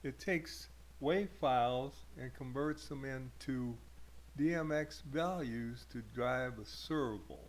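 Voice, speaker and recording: A man talks through his homemade software in a casual screen-recorded tutorial. He speaks slowly and hesitantly, often pausing and restarting. His pitch sits in an ordinary middle range. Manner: hesitant, with many uh fillers and restarts. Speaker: hobbyist programmer demoing his software.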